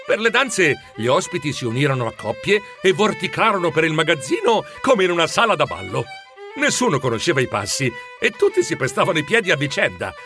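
A man reading a storybook aloud in an expressive, animated way. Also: a little high. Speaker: narrator. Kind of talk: storybook narration.

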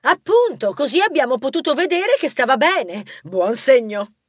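A fearless young lady mouse who chases ghosts, high and lively, brisk and bossy with a dry wisecrack always ready, as a male storyteller puts her on. She sounds clear and close in a dry read. Audiobook storytelling. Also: dry recording, full character voice. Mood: breezy. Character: bold, unflappable young female mouse ghost-hunter.

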